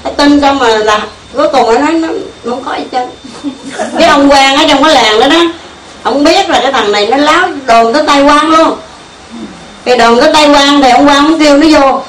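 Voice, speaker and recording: An older woman gives a Buddhist teaching in a high voice. She tells homely stories, keeps asking her listeners whether they follow, and chuckles along the way. She was recorded from across an echoey room. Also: a little fast, slight background noise. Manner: folksy, laughing, with rhetorical questions to listeners. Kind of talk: Dharma talk with storytelling. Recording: echoey room, mic far off.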